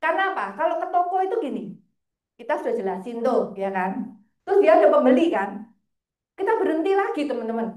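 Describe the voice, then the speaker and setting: High-voiced woman telling lively stories. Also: quick pace. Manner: lively anecdotes, often laughing. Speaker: financial planner guest. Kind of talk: casual storytelling interview. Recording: roomy echo.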